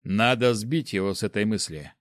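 A man's voice: lowish voice, moderate pace, no room sound, studio quality, natural voice. A man voicing a wry, persuasive male cleric in a storybook reading. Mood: coaxing.

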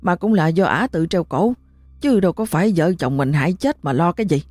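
A cold, scheming master of a rich household in a narrated ghost story, voiced by a woman narrator, grumbling in a low, clipped voice. his words are fast and irritable. the recording is dry and close, with faint music behind. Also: expressive, darkish tone, no room sound. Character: gruff, scheming older husband of a rich house.

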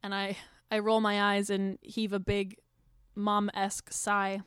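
A woman's voice: mid-range voice, completely flat delivery, a little slow, fairly bright tone, clear, resonant tone. A woman playing a tabletop role-playing game casually, with a playful, self-deprecating manner. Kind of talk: casual improvised tabletop play.

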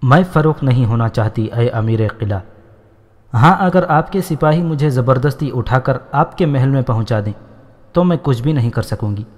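A man's voice: medium pitch, lightly acted. A man reading the lines of an innocent, playful young woman in a storybook, in a simple, artless manner. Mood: earnest. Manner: simple, artless speech with quick wit. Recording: long hall reverb.

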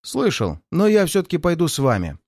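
A man reading aloud, voicing a calm, resolute male detective who speaks firmly and evenly. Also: fairly high pitch, no room sound, clean studio sound, pitched above the performer's own voice, heavily acted. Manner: calm, firm, measured.

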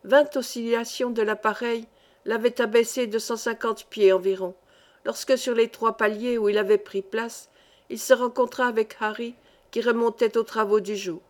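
A woman reading a classic adventure novel aloud as an audiobook, with measured, clear phrasing. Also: fairly high pitch, fairly even intonation. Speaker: audiobook reader. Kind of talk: scripted narration of a novel.

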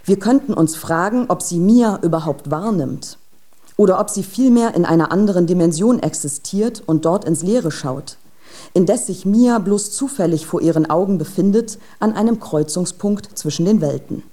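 A woman narrates a radio drama with calm, measured delivery. Her voice is somewhat low-pitched and dark, mellow in tone.

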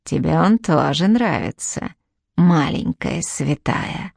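Audiobook: woman doing a surly blind old woman, low, slow, scornful growl. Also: dry recording, studio quality. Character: blind, ill-tempered old woman teacher. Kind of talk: audiobook character reading.

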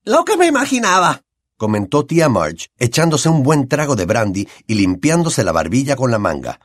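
At a moderate pace, an expressive male narrator with a Latin American Spanish accent reads an audiobook from a script, letting his pitch rise and fall with the story. The sound is close-miked and dry, with nothing of the room audible.

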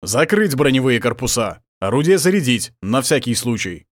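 A man's voice: mid-range voice, sing-song, normal speed, no echo, clean studio sound, natural voice. A man doing a curt war chief. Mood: commanding. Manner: curt orders. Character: commanding male war chief, calm.

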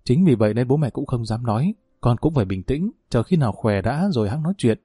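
A man doing a calm, gentle older grandfather. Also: medium pitch, quick pace, husky, no echo. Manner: gentle, soothing.

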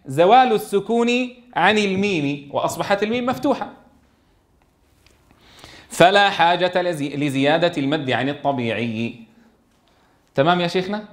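A man's voice: high voice, lively intonation, normal speed, pauses often. A man teaching a tajweed lesson in a classroom, keeps asking his students questions and answering them himself. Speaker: Quran recitation teacher.

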